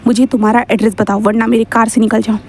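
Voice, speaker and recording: A woman's voice: on the high side, flat delivery, fast, slight background noise, lightly acted. Woman playing a stern mafia teacher. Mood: curt. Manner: curt, commanding. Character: cold stern male teacher, mafia boss.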